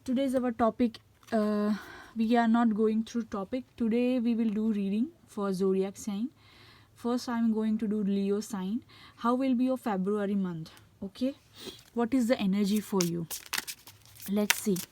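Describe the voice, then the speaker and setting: Giving a casual tarot reading, this reader speaks with an Indian English accent in a medium-pitched, dark, steady voice, audibly suffering from a cold. She hesitates a lot, with frequent fillers and restarts.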